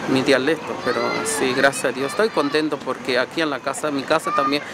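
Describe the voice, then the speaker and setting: A man's voice: mid-range voice, steady tone, fairly quick, over a noisy crowd. Proud Mixtec-accented man, street noise. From Mexico. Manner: plain-spoken, proud, hesitant fillers. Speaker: interviewee. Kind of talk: casual interview.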